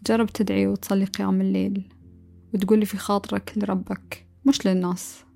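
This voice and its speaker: A woman giving a calm, earnest motivational talk, now and then mixing in English words. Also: medium pitch, fast talker, creaky, soft background music. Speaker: motivational speaker.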